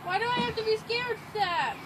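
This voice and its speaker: A woman's voice: very high voice, moderate pace, background noise. A woman on an outdoor playground, dramatic and whiny in casual chat, swearing as she goes. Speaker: friend on the playground.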